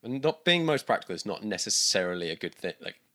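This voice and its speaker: A British man in his thirties chats casually as an interview guest, his lowish voice fast and sharp with big swings in pitch. He rambles, restarting often and filling gaps with fillers.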